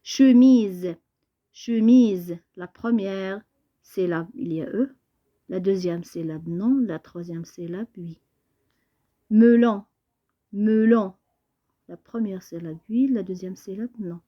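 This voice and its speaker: A woman with a Moroccan accent teaching a primary school French lesson, mixing Darija and French and saying each word twice, slowly. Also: fairly low pitch, dull audio. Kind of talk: lesson explaining exercises.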